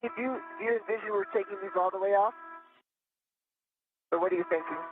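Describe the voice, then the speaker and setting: A woman astronaut on a spacewalk giving brisk, upbeat replies over a space radio comm loop. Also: medium pitch, breathy edge, soft background music. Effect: sci-fi-style space radio comm loop. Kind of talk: radio communications. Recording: narrow crackly radio link.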